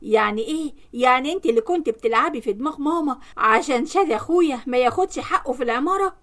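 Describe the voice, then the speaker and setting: A woman's voice: high voice, animated, fast, a bit bright. A woman voicing an upright young man who scolds his sister reproachfully. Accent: Egyptian Arabic.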